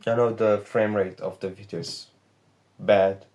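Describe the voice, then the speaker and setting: Young man, Romanian accent, native Romanian speaker, fairly low voice, candid and profane, confessional vlog, phone camera in bedroom. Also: fairly even intonation, measured pace, a little mellow. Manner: candid, rambling, profane, self-critical. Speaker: trading vlogger. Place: his bedroom. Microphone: phone back camera.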